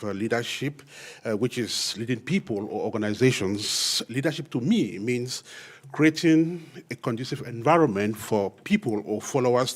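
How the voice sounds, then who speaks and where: A man giving a formal self-introduction, deliberate and pausing often. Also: medium pitch. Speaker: journalist.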